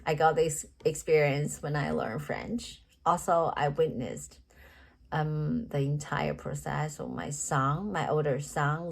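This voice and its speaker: A woman with a low, creaky, slightly rough voice rehearses her answers as a teacher interview candidate. A native Chinese speaker, she stays earnest and measured despite frequent restarts and self-corrections. The recording carries steady background noise.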